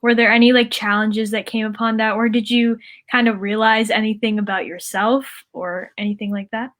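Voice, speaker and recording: Bright-voiced young woman hosting an interview. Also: a little high, flat delivery, a little fast. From United States. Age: young adult. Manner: chatty, upbeat, with frequent fillers and laughs. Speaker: interview host. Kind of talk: casual interview.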